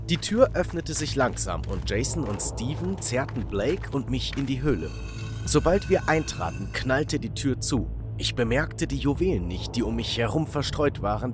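A man narrating a dramatic first-person story for an animated storytime video. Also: medium pitch.

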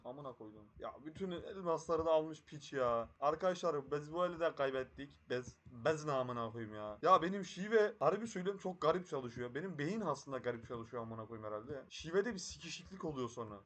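A young man with a Turkish accent, giving profane, excitable commentary over his own gameplay and shouting when frustrated. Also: fairly high pitch. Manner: swears constantly, shouts in frustration. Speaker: gaming YouTuber.

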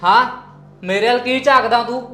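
A man's voice: very high-pitched, moderate pace. A man playing a drunk, confrontational male tenant in a family drama, accusing and aggressive. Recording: echoey room, faint music.

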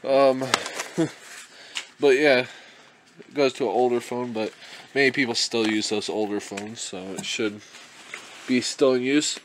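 Slow, easygoing young man sorting finds. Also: mid-range voice, a little hiss or hum. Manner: relaxed, chuckles often, thinks aloud. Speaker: reseller vlogger. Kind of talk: casual unboxing commentary.

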